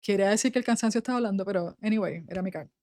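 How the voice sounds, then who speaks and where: A woman's voice: medium pitch, very fast, warm tone, dry recording, studio quality. A young adult woman, leading a Bible study and reading scripture aloud before explaining it in a conversational way. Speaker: Bible teacher.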